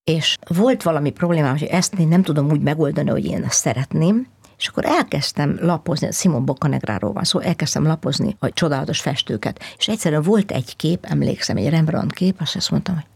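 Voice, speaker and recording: A woman's voice: low-pitched, gravelly, a little mellow, breathy edge. An older woman, an opera singer, speaking earnestly and thinking aloud about her art. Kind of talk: conversational interview.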